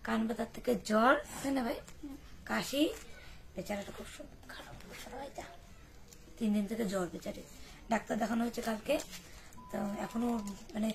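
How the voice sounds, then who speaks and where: A young woman from West Bengal with a hoarse voice, chatting casually and rambling to her camera as a vlogger. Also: on the high side, a little hiss or hum. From West Bengal, India. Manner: chatty, rambling, many fillers.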